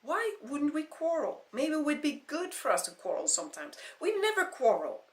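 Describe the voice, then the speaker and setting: A woman voicing an outspoken young woman student with quick, indignant retorts. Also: on the low side, lively intonation, a bit bright. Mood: furious. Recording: roomy echo.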